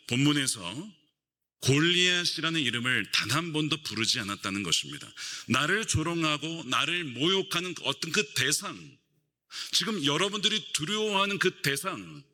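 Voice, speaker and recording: Emphatic pastor with a bright voice. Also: male voice, a little high. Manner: emphatic, rhetorical questions to the congregation. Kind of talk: sermon. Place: church sanctuary. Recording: reverberant church sanctuary.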